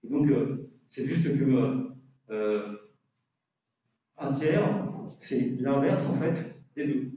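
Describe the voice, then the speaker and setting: A man's voice: medium pitch, very slow, pauses often, warm tone. A man lecturing through a face mask, explaining calculations step by step, correcting himself and checking with questions. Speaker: university lecturer. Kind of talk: statistics lecture with worked calculations. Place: lecture room with students. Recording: muffled, very echoey lecture room, distant mic.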